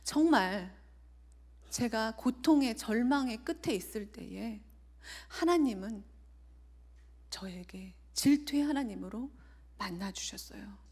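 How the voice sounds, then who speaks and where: A woman's voice: fairly high pitch, animated, takes it slowly, pauses often, a little mellow, breathy edge. A woman in her forties, an evangelist, preaching and sharing a personal testimony in an earnest way, often sinking to a near whisper.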